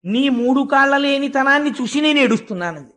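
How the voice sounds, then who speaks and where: A grieving Mother Earth in the shape of a cow, voiced by a man telling a devotional story. Her voice is high and light, and she speaks in a plain, storytelling way. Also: expressive, fairly quick, fairly bright tone. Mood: sorrowful.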